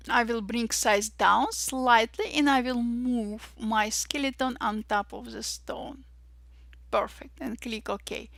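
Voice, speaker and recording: This Photoshop instructor, a bright-voiced woman with an Armenian-Russian accent, narrates a step-by-step software tutorial in slow, deliberate stages, cheerfully dropping "voila" and "perfect" often. Her somewhat high voice has a gravelly edge, and the studio-quality recording has no room sound.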